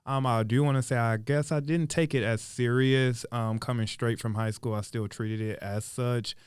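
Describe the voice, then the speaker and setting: A man in his thirties, a returning student, speaking calmly and steadily, often starting with um. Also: mid-range voice, moderate pace, clean tone, dry recording. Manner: calm, steady, starts with 'um'. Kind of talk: casual podcast interview.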